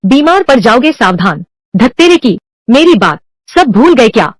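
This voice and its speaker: A woman with a high, bright-pitched voice reads every role of a dubbed drama herself, keeping the same voice for men and women. Her pitch leaps up and down with animated swings. The sound is close and completely dry. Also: normal speed, no echo. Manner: reads all male and female parts in one unchanged voice. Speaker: voice-over dubber. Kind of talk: dubbing every character of a drama alone.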